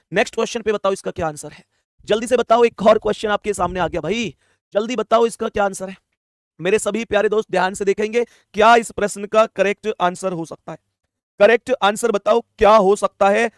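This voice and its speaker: A man teaches an online exam math lesson at a rapid clip. He is emphatic and coaxing, repeating key points and urging viewers to answer. The sound is dry and close. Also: sits high, no room sound.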